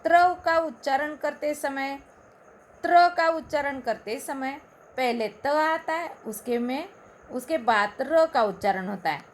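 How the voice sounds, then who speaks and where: Slow, high-voiced teacher with a Marathi accent. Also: female voice, a little hiss or hum. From Maharashtra, India. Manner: slow, carefully enunciated recitation with explanations. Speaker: school Hindi teacher. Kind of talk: recorded lesson.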